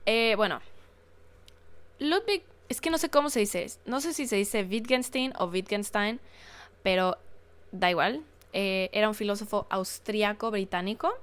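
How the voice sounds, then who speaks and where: A woman's voice: mid-range voice, clean tone. A woman with a Mexican Spanish accent, hosting a casual solo podcast and talking in a chatty, rambling, frank way, full of fillers and the odd swear word. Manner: chatty, rambling, frank and profane, with frequent filler words and laughs. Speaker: podcast host.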